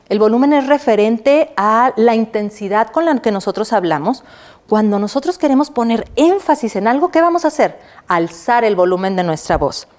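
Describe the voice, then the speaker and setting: A middle-aged university lecturer gives a recorded online lesson, posing questions to her listeners, answering them herself, and checking in with a quick "right?". Her voice is mid-range and a little mellow.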